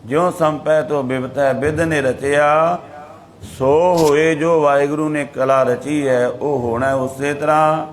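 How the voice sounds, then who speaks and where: Punjabi man preaching, chanting verses slowly. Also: a little high, fairly even intonation. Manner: slows right down to chant verses, then explains them in plain talk. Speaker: Sikh preacher giving scripture commentary. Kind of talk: sermon explaining scripture line by line.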